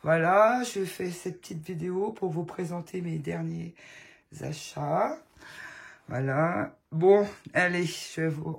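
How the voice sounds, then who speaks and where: Slow, gravelly-voiced woman with a cold. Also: on the low side. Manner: chatty, fond, gushing over the items. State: has a cold, voice affected. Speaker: tarot channel host. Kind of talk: casual show-and-tell chat to viewers. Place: at home.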